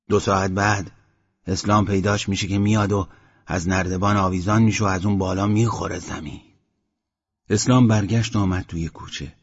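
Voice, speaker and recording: A man narrating a story in a steady, measured reading, in a dull lo-fi audiobook recording. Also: low voice, breathy edge, no room sound.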